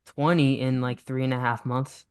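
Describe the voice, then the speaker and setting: A man's voice: medium pitch, flat delivery, normal speed, a little mellow, smooth. A nineteen-year-old man, a podcast guest, talking in an easygoing, enthusiastic way full of fillers. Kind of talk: casual interview chat.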